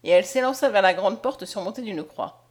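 A woman narrating a classic novel in a measured storytelling manner. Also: medium pitch. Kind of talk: audiobook narration.

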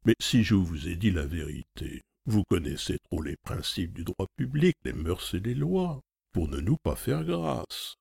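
A shrewd, loyal manservant who never loses his head, read by a man. His voice is deep, dark and husky, with lively intonation. He pleads his case in calm, reasoned sentences. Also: unhurried, no echo, studio quality, full character voice. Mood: persuasive. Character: shrewd loyal male servant, calm and persuasive.

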